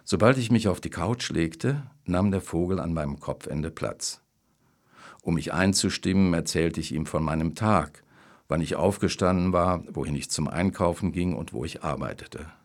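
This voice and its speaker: A man's voice: deep voice, normal speed. A man narrating short stories in a dry, wry reading style. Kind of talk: scripted narration.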